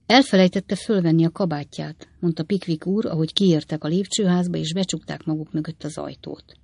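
A woman narrating a novel aloud in a steady, measured storytelling manner. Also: deep voice, vocal fry, slightly rough, no room sound. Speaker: audiobook narrator.

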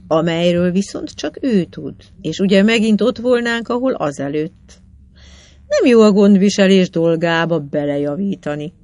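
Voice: mid-range voice, darkish tone, lightly acted. A reader doing Bibók, a sly grinning schemer. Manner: wheedling, boastful, grinning talk. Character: sly, jovial male schemer in an old tavern. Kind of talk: audiobook character reading.

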